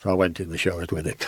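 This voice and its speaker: Older man, deep low voice, rambling anecdotes, dry close sound. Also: husky, no room sound. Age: 80s. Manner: rambling, lively anecdotes with restarts. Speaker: guest. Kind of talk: storytelling in casual conversation.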